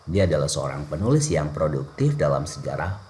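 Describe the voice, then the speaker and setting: A man's voice: rumbling low, big pitch swings, a little fast, a little mellow, a little hiss or hum. A male English teacher with an Indonesian accent, giving a bilingual lesson that moves between Indonesian and English with playful examples. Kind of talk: bilingual classroom lesson over slides.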